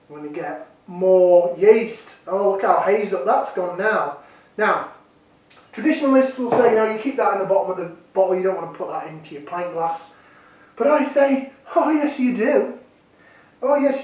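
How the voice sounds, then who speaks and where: A man's voice: high voice, darkish tone, recorded from a distance, highs cut off. Chatty man in an echoey room. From Yorkshire, England. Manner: chatty, jokey, self-deprecating. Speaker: beer reviewer. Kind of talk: casual vlog review.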